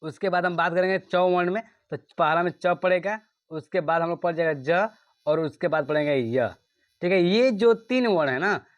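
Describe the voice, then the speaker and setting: A man's voice: high voice, moderate pace, dull audio. A young man teaching an exam revision lesson, repeating his own questions and answering them, calling his students brother. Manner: chatty, calls students brother.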